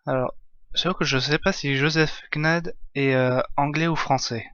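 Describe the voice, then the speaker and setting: A man streaming a strategy game live, explaining his moves in a halting way full of fillers. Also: a little high, fairly even intonation, fairly bright tone, clean tone, dry recording, muffled recording. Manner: hesitant, many fillers, halting English.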